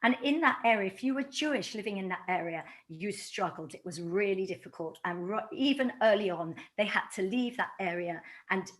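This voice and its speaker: Brief: middle-aged London woman, author lecturing to a community group, mid-pitched and animated, acts out dialogue as she tells stories. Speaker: author giving a talk.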